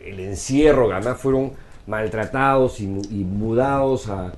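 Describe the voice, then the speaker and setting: A man hosts an interview in a low, warm voice, with calm affirming replies. The sound is roomy and carries faint background noise. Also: normal speed. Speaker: host. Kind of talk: live-streamed interview. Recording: roomy live-stream audio with faint noise.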